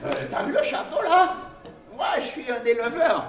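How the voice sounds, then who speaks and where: A man's voice: extremely high pitch, sing-song, moderate pace, pitched above the performer's own voice. A man voicing an indulgent, good-natured older king in a told folk tale, recorded live in a large hall. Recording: echoey hall from far off.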